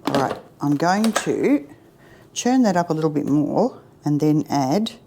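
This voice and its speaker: In her home kitchen, a middle-aged woman demonstrates baking in a low, animated, unhurried voice, poking fun at herself and frequently slipping into a soft near-whisper. Background noise can be heard.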